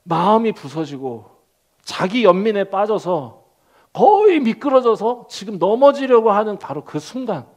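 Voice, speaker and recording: A male pastor preaching a sermon, acting out quoted complaints in character voices and dropping to a soft, low delivery at key moments. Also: unhurried. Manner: animated, acts out the prophet's complaints in quoted voices.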